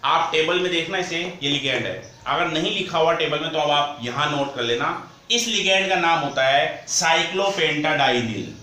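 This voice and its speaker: Male chemistry teacher, bright and slightly high voice, drills terms by repeating them; roomy, distant mic. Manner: repeats key terms slowly, asks the class questions. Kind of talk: whiteboard chemistry lesson. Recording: echoey room, voice from off-mic.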